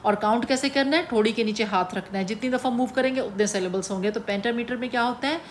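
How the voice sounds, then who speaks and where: A woman's voice: fairly high pitch, a little hiss or hum. Woman teacher explaining poetry patiently. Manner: explains slowly, mixing Hindi-Urdu with English terms, addresses students as beta. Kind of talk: classroom lecture.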